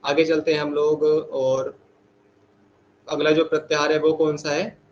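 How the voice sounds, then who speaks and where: A man teaching Sanskrit in an online class, speaking at a slightly raised pitch. He goes very slowly and says each sutra two or three times so his students can repeat it. The audio is dull and carries a faint background hiss. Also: flat delivery.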